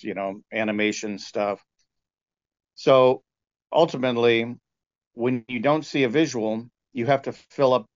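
Interviewed as a sound engineer, a medium-pitched man explains things conversationally and haltingly, peppering his speech with "you know." The audio is dull, lo-fi, and band-limited.

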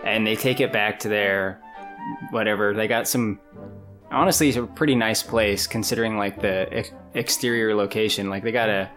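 A man hosting a casual movie-review chat, relaxed, recapping the plot and laughing easily. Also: on the low side, normal speed, faint music behind.

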